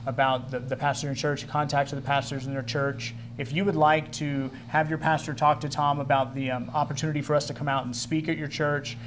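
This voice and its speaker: A man's voice: on the high side, level tone, fairly quick, hardly any pauses, slight background noise. Chatty male talk show host. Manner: chatty, joking, easygoing. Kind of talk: live ministry talk show.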